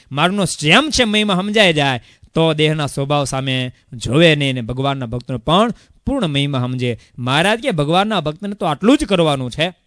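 A man's voice: fairly high pitch, dry recording, clean studio sound. A man, a sadhu giving a sermon with a story and acting out the dialogue of its people. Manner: animated storyteller, acts out dialogue. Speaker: sadhu preacher.

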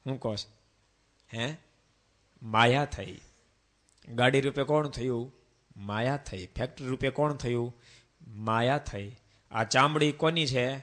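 A man preaching a devotional sermon, asking the audience rhetorical questions and slowly chanting verse refrains. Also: medium pitch, a bit bright.

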